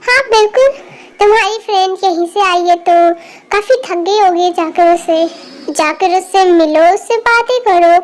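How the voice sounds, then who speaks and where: A woman voicing a bossy, teasing young man just back from abroad in a fan audio drama. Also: extremely high pitch. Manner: teasing, scolding, sarcastic.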